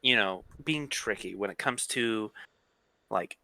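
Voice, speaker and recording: A man's voice: lowish voice, slow, sharp tone, no echo. A man narrating as game master of a tabletop game, casual and rambling with lots of fillers.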